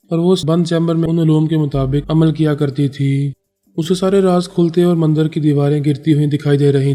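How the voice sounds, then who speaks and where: Mellow male storyteller reading aloud. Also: on the high side. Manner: steady dramatic reading. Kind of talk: scripted narration.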